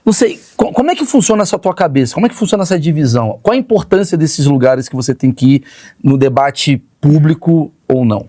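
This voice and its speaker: A man's voice: fairly high pitch, expressive, quick pace, dark tone, no echo, studio quality. A man with a Brazilian accent hosting a podcast, asking probing questions in a casual, cursing style. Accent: Brazilian Portuguese. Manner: casual, probing, swears freely. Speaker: podcast host. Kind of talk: podcast interview.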